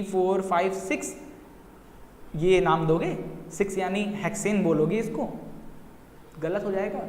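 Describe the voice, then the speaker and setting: A high-voiced young man explains a science lesson at a board, going over each step again and again as he speaks straight to his students. His voice rings through an echoey room with a long reverb tail. A faint hiss sits under the recording. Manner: repetitive, coaxing, addresses students directly. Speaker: science teacher. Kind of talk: whiteboard chemistry lesson.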